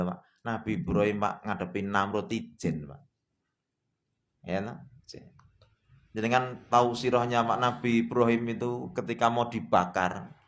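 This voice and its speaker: Brief: male preacher, Javanese accent, mosque sermon, conversational, teasing asides, mid pitch. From Indonesia. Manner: folksy, addresses the audience as "Pak" constantly, mixes Javanese and Indonesian; lively swings in pitch and loudness, mocking asides.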